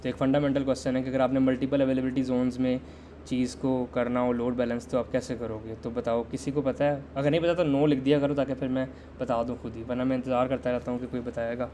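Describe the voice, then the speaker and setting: A man's voice: mid-range voice, little pitch movement, fast talker, mellow, a little hiss or hum. A man teaching a live-streamed system design lesson in a conversational way, quizzing viewers and waiting for answers in the chat. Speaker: tech instructor.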